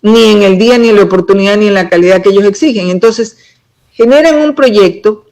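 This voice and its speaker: A woman's voice: medium pitch, a little fast, darkish tone, poor audio. A woman, a political pre-candidate answering interview questions in long, emphatic explanations.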